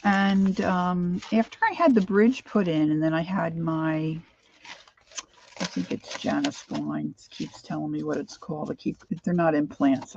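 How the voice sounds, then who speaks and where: On her craft livestream, a middle-aged Pennsylvania woman rambles in a chatty way and calls out viewers by name. She has a deep voice, and missing teeth give her speech a mild lisp. The sound is dull and lo-fi, carrying a little hiss or hum.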